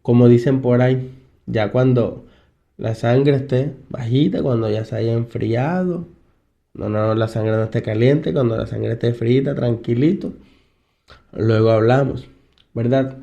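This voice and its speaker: A man's voice: medium pitch, unhurried, vocal fry, mellow, dull audio. A man, a psychologist, giving a casual talk on family life, speaking conversationally, putting questions to his listeners and chuckling now and then. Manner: conversational, asks the audience questions, chuckles often. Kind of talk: casual motivational talk to an audience.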